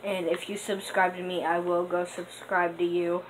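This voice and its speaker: A woman's voice: fairly low pitch, normal speed, poor audio. A young woman hosting her gaming channel, rambling and hesitant with many fillers while she gives casual commentary over gameplay. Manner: bursts into excited gasps during play. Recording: noticeable background noise.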